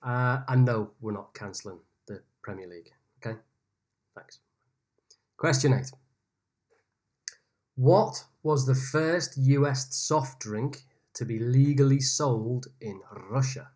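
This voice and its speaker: A man's voice: medium pitch, takes it slowly, pauses often, a little mellow. A man hosting an online pub quiz over a video call, reading each question twice with chatty asides. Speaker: quiz host.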